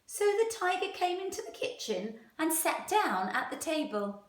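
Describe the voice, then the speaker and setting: A woman with a high voice reads a picture book aloud as a primary teacher. She is expressive and speaks directly to young children. The sound is roomy, with the microphone some way off. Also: normal speed. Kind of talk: children's storybook read-aloud. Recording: roomy echo, distant microphone.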